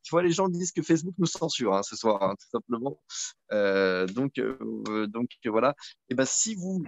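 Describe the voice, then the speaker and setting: A man's voice: medium pitch, very animated, normal speed, vocal fry. A man hosting a casual live web show from home, chatty and repeating himself, full of fillers. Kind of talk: casual live-stream chat.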